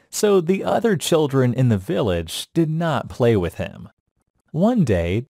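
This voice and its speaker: A man narrating a children's story in a slow, clear, deliberate reading style. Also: mid-range voice, darkish tone, no echo, clean studio sound.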